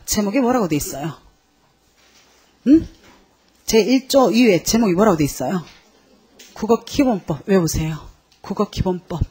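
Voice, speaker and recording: A woman's voice: mid-range voice, breathy edge. A woman teaching an exam-prep lecture on Chinese characters, quizzing her students and checking in with them again and again. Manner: lively, quizzing students with constant check-ins.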